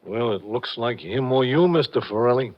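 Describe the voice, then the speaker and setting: A man's voice: mid-range voice, expressive, normal speed, natural voice. Actor as a tough radio gangster henchman, muffled. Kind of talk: 1950s radio crime acting. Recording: dull old radio recording.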